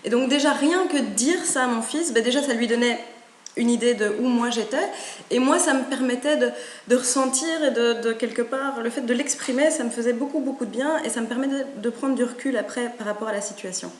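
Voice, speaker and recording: A woman giving parenting advice in a casual, animated way, acting out a children's story as she talks. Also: fairly high pitch, fairly quick. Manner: animated, acts out stories. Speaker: parenting educator. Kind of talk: casual spoken advice video. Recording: echoey room.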